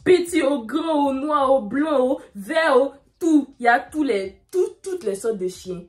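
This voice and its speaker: A young woman, telling a dramatic story in a lively way while doing her makeup. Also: sits high, unhurried, soft background music. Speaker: beauty vlogger.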